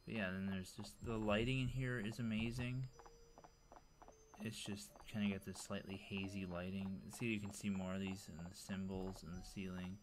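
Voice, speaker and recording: A man's voice: deep voice, fairly even intonation, normal speed, noisy background. A man giving a casual, rambling tour of a game level, full of fillers and enthusiasm. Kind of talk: casual gameplay commentary.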